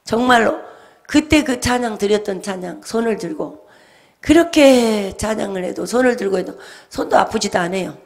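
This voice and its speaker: Gravelly-voiced woman pastor preaching. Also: medium pitch, expressive, moderate pace, darkish tone. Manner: emotional, repetitive, fervent storytelling. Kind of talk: sermon testimony.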